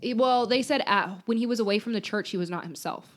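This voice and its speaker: A woman's voice: on the high side, quick pace. A young woman co-hosting a podcast, casually recounting a true crime story and laughing often between lines. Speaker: podcast co-host.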